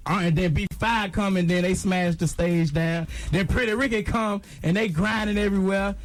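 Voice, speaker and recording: A man's voice: sits high, fairly even intonation, moderate pace, faint music behind. A young man, guest in a group interview, talking in playful slangy banter. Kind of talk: casual interview chat.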